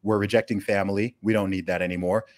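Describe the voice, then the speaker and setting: Hosting a casual podcast conversation, a man born in the UK and raised in Saudi Arabia talks quickly in a fairly low voice. He is animated and emphatic, full of rhetorical questions, and often restarts his sentences.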